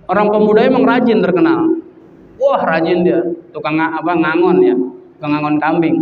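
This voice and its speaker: A man with a Betawi accent giving a casual, jokey sermon, telling a folksy story with loud acted cries. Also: high-pitched, a little hiss or hum. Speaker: preacher. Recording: roomy hall from far off, dull sound.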